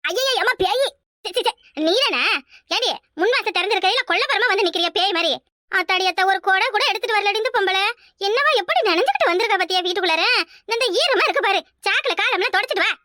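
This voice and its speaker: A shrill cartoon busybody of a big sister, acted by a woman, scolding and fussing. Her voice sits extremely high and comes out sharp and bright. It is recorded dry and close, with no room around it. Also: lively intonation, quick pace, no room sound, full character voice. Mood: grumbling. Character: scolding, nosy village elder sister, grown woman. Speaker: cartoon character. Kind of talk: cartoon voice acting.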